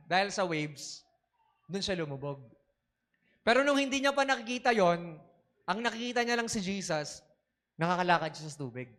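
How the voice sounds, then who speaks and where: A man preaching a sermon as a bishop, lively and quick to ask the congregation questions, slipping English phrases into his talk. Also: sits high.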